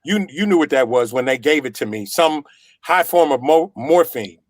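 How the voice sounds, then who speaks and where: An animated middle-aged man tells his story in a fairly high voice. He circles back on phrases for emphasis and acts out the voices of the people in it. The sound is close and dry, with no room in it. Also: moderate pace, no echo. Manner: acts out quoted dialogue. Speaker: testimonial guest. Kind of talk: personal storytelling.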